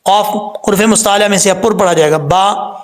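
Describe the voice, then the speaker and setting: Speaking fairly quickly in a voice that sits high, a middle-aged man walks through Quran recitation one step at a time. He explains every sound, corrects errors, and repeats the correct pronunciation several times.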